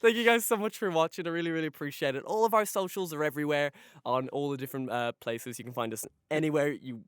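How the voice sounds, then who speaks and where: A man's voice: fairly high pitch, quick pace, clean tone, no echo, studio quality. A man hosting a podcast in casual chat, rambling along with lots of dude-and-man slang. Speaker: podcast host.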